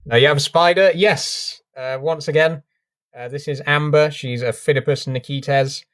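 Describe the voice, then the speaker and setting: A young English man live-streams from his bedroom at home, chatting casually and rambling in a relaxed way with lots of fillers. His voice is a little high and his pace moderate.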